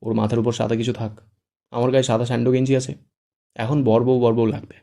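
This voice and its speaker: A man's voice: medium pitch, flat delivery, fast, gravelly, mellow, close to an everyday voice. A man voicing a hot-tempered young groom who gives curt, threatening commands. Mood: bossy.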